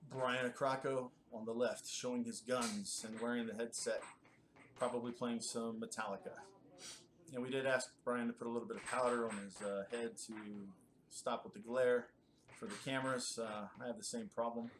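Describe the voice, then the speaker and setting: A man's voice: mid-range voice, fairly even intonation, moderate pace. Casual man commentating, noisy feed. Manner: casual, chatty, many fillers. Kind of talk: live play-by-play commentary.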